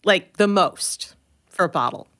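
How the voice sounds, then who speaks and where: A woman co-hosting a podcast, upbeat and quick to laugh in casual chat. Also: medium pitch, animated, fairly bright tone, dry recording, studio quality. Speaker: podcast co-host.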